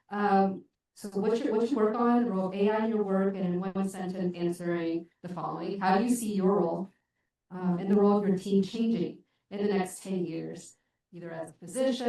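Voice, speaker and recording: A woman's voice: mid-range voice, warm tone. Woman moderator, hesitant with fillers, very echoey hall. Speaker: panel moderator. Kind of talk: moderating a panel discussion. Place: conference hall.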